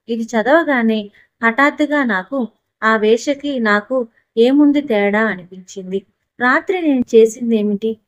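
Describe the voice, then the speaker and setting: Higher-voiced woman narrating a story. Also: dry recording, muffled recording. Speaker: audiobook narrator. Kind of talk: first-person story narration.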